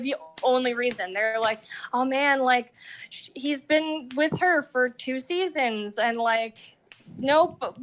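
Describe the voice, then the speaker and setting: A woman with a high, fairly bright voice joins as a guest co-discussant in a casual, opinionated chat about a TV series. She offers sardonic opinions, often paraphrasing others with mocking mimicry.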